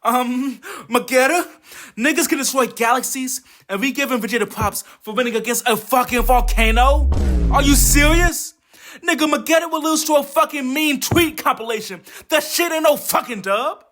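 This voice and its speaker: A man's voice: extremely high pitch, moderate pace, fairly bright tone, soft background music. A man doing a comedic anime commentary rant, exasperated, profane and mocking. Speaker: video essayist.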